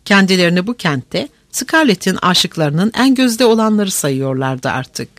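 Expressive audiobook narrator, dry close sound. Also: medium pitch, no echo. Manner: measured, expressive storytelling. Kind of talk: scripted narration of a novel.

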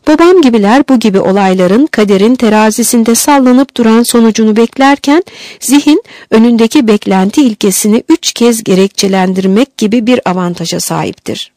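A woman narrating a classic novel as an audiobook in a steady storytelling manner. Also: mid-range voice, no echo.

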